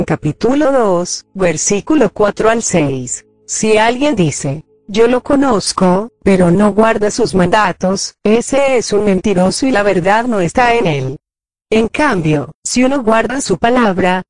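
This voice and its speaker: A mid-pitched reader reads scripture in a formal, steady voice. The sound is dry and close, with faint music underneath. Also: no room sound. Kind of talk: reading scripture passages.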